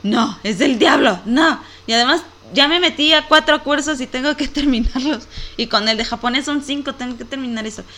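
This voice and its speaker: A woman's voice: high voice, fairly even intonation, brisk, bright, forceful tone. A young woman hosting a casual online show, chatting and giggling to her viewers with a lot of "este" filler. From Mexico. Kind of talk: casual live-stream chat.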